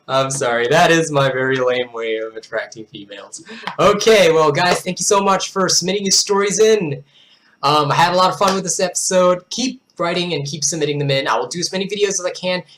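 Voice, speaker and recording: A young man from Singapore hosting a casual story-reading video, with animated, digressive talk. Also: on the high side, fairly quick, slight background noise. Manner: animated and digressive, laughs at his own asides. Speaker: YouTuber reading fan stories.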